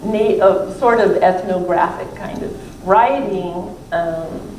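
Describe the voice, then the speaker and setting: A professor who speaks French as a non-native language discusses her book informally during a Q&A, wandering through ideas and often qualifying herself. Her voice is lowish and darkish, and she takes her time. The distant mic in a library event room gives a roomy sound with faint room noise.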